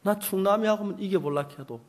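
A middle-aged man preaching a sermon as pastor. He swings from loud emphatic phrases to hushed near-whispers and draws out key words slowly. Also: high voice.

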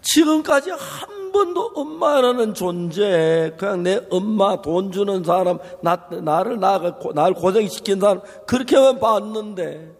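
A male preacher telling a story in a sermon, acting out the people in it and moving between hushed and raised voice. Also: sits high, expressive, a little slow, few pauses. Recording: long hall reverb.

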